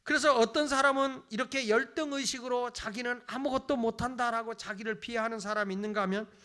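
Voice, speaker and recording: A middle-aged man preaching a Sunday sermon as pastor, animated, acting out people's excuses and swinging from loud emphasis to near-whisper. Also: very high voice, brisk.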